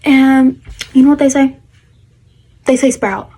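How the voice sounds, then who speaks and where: A woman's voice: high voice, completely flat delivery, a little slow, dark tone, poor audio. A teenage girl telling a personal story to camera in a rambling casual way, full of fillers and restarts. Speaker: vlogger.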